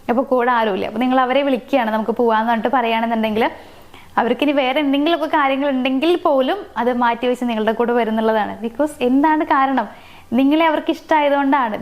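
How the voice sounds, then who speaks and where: A woman talking casually to her viewers, explaining relationship signs point by point, with fillers and restarts along the way. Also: sits high. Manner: explains in numbered points with fillers and self-corrections. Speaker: relationship advice host. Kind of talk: casual advice talk to camera.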